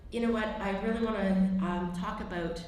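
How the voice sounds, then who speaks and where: Speaking at a moderate pace with a medium pitch, a Canadian woman in government addresses a business event, keeping things spontaneous, energetic and conversational. Her voice is slightly croaky from her travels. The setting is a large hotel conference room, so the audio is very echoey, with faint background noise.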